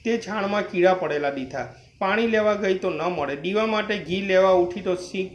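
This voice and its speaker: A man narrates a devotional tale in a steady, earnest voice that sits fairly high. The recording is roomy, with a slightly dull, muffled tone. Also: moderate pace, a little hiss or hum. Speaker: storyteller.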